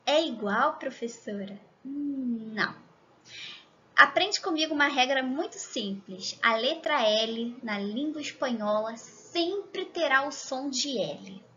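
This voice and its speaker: A Brazilian woman from Rio de Janeiro with a Rio accent, teaching a language lesson to camera, chatty and checking in often with the viewer, slowing down to exaggerate pronunciation. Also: sits high, expressive, bright, forceful tone, dull audio, a little hiss or hum. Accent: Rio de Janeiro Portuguese. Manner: slow, exaggerated demonstration of pronunciation. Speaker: Spanish teacher.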